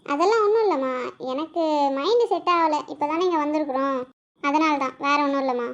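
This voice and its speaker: Brief: sad young daughter voiced by a young woman, soft and high, amateur audio drama on a lo-fi recording. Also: a little fast, lightly acted. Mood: subdued. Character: sad young woman missing her lover. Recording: dull, lo-fi recording.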